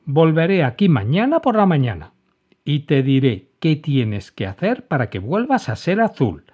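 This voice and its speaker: A man's voice: on the high side, big pitch swings, normal speed, husky, pitched above the performer's own voice. A man voicing a cheerful, kind young girl who can do magic, in an eager, exclamatory storybook manner. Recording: dull lo-fi recording.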